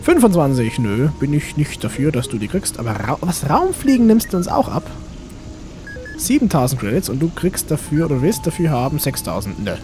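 A man's voice: mid-range voice, big pitch swings, fairly quick, hardly any pauses. A man giving casual game commentary, rambling to himself and to the game's characters. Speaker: let's play host. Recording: game music behind the voice.

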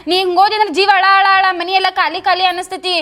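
A woman's voice: very high voice, flat delivery, racing, pushed and bright. A young woman, playing an emotional, pleading elder sister in a scripted comedy skit. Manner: emotional, pleading, then scheming.

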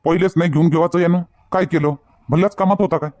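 Man, slightly high voice, bossy grumbling tone, village comedy skit. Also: steady tone, quick pace, a little mellow. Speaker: comedy sketch actor.

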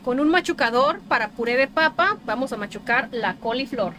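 A woman's voice: high voice, animated, moderate pace, slight background noise. A woman narrating a cooking tutorial voice-over in a homey, enthusiastic way. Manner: warm, homey, enthusiastic about the food. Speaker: cooking channel host.

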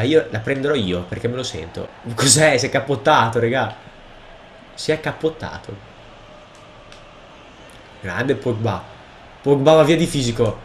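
A young man with a cold and sore throat, casually commenting on his own football video game match and bursting into shouts at goals. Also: medium pitch, slight background noise. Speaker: gaming video host.

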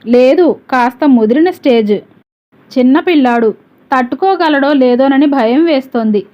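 A woman's voice: high-pitched, moderate pace, close to an everyday voice. A woman reading the part of a grief-stricken father in a spoken story, her voice trembling and pleading, on a dull lo-fi recording. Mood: anguished.

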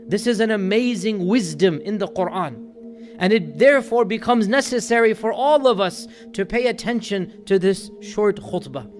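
A man's voice: high voice, normal speed. A man giving an earnest religious lecture, explaining a scripture passage with emphatic, building delivery. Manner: earnest, emphatic, voices quoted crowds with rising intensity. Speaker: Islamic lecturer.

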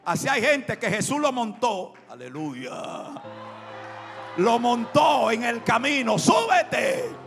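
A male pastor preaching a sermon with impassioned shouting and storytelling. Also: extremely high pitch, very animated, slow pace, gravelly. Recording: reverberant hall with music behind.

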